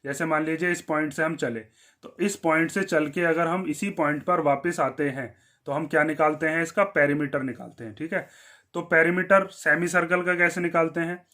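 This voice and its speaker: Indian man teaching maths, slightly high voice. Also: fairly even intonation, moderate pace, bright, forceful tone. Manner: asks questions and answers them himself; dips low on one-word answers. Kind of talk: step-by-step maths lesson.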